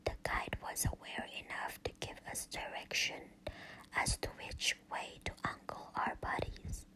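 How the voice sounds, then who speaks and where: A woman telling a first-person story in a slow, unvoiced whisper, in the style of a whispered storytelling recording. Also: sharp tone, rough recording.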